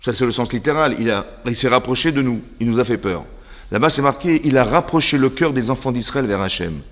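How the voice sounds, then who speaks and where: A man with a French accent giving a religious lesson to a women's class as a rabbi, animated and throwing rhetorical questions at his listeners. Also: medium pitch, a little fast, long reverb tail. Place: seminary classroom.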